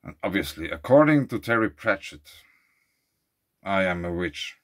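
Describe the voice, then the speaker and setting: Low-voiced man musing aloud. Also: lively intonation, normal speed, fairly bright tone. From Switzerland. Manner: rambling, thinks aloud, reads facts then drifts into asides. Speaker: vlogger. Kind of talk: casual musing monologue. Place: outdoors at a lakeside beach.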